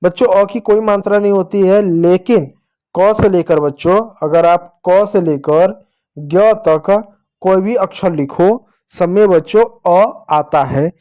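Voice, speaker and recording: Playful high-voiced male teacher. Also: takes it slowly, warm tone. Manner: playful, repeats "pyare bachchon", acts out cries to teach sounds. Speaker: teacher of young children. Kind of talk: children's Hindi reading lesson.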